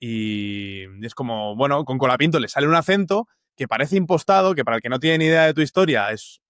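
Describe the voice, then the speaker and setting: A man's voice: medium pitch, lively intonation, a little fast, fairly bright tone, no echo, studio quality. A young man from Uruguay with a Spanish accent from the Valencia area, a journalist talking as a guest in a casual interview, thoughtful and full of fillers and restarts.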